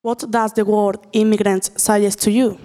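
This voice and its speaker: A woman's voice: mid-range voice, flat delivery, moderate pace, warm tone. A woman from Spain, hosting and asking the interview questions briefly. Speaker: podcast host, interviewer. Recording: reverberant room.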